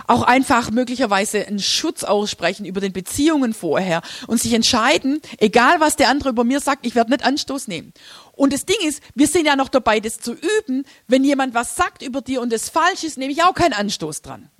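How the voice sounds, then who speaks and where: A woman's voice: a little high, lively intonation, fairly quick, no room sound. A woman giving an informal church workshop from slides, chatty and casual, often laughing and restarting her sentences. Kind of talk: casual teaching talk with slides.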